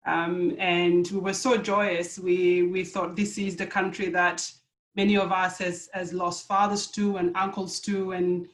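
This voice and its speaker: A woman's voice: lowish voice, flat delivery. Earnest woman on an echoey video call. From South Sudan. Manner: earnest, halting with repeated restarts. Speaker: panelist. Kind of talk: webinar panel remarks.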